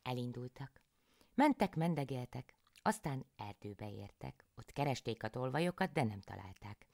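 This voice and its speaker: A woman reading a folk tale aloud as a bedtime story, calm and measured, close to the microphone. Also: extremely low pitch, creaky, no room sound.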